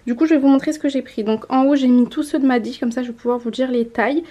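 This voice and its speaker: A mom vlogger in her twenties talks fast in a high, mellow voice during a casual haul vlog. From a room at home by a window, she shows clothes to the camera and keeps correcting herself.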